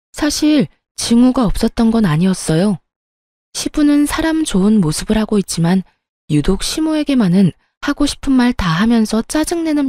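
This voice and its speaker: Woman, first-person storyteller, calm and confiding, mellow voice, dry close sound. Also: mid-range voice, no room sound. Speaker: narrator. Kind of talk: scripted narration of a true story.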